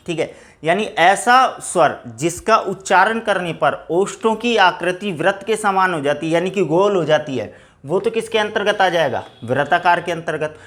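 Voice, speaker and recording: Here a man teaches exam-focused grammar at a moderate speed. He likes to ask rhetorical questions, then supply the answers in a quieter, lower tone, and he frequently calls his students friends.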